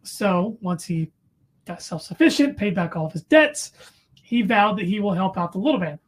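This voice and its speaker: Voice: mid-range voice, animated, normal speed. A podcast co-host chatting casually over beers, rambling through anecdotes and correcting themselves as they go.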